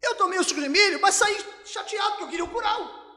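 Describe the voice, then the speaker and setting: A man's voice: very high voice, lively intonation, fast, sharp tone, long reverb tail. A man with a Brazilian Portuguese accent, a pastor telling personal stories in a sermon and building to fervent preaching. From São Paulo, Brazil. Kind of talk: storytelling sermon.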